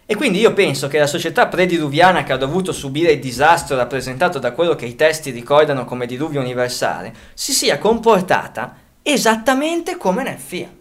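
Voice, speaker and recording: A man's voice: on the high side, lively intonation, fairly quick, hardly any pauses. A man co-hosting a casual podcast, talking, rambling, often restarting and correcting himself as he thinks aloud. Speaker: podcast co-host.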